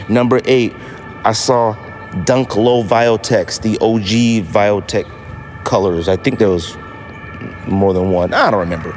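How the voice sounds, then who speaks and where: This American podcast host runs a casual solo show, his fairly low voice moving a little slowly. He talks in a slangy, emphatic style and repeats phrases for effect, with slight background noise in the recording.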